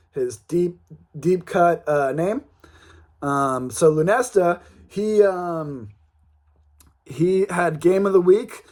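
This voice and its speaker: A man hosts a casual livestream recap of his gaming league in a high voice. He talks at an unhurried pace, rambling through stats with plenty of ums, uhs and joking asides. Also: darkish tone. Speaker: livestream host of a game league roundup.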